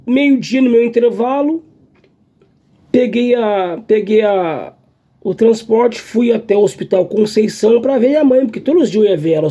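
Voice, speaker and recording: A man tells his church testimony in an earnest, halting way, circling back over his own phrases. His voice sits high yet mellow, with a husky, breathy edge. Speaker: church member giving a testimony.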